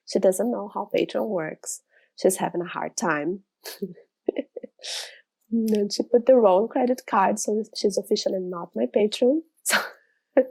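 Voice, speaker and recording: The recording is rough, and the voice is medium-pitched, gravelly, mellow and husky. It belongs to a thirtysomething Brazilian illustrator vlogger, a Portuguese native speaking English as a second language, who chats casually from her studio and keeps rambling and restarting.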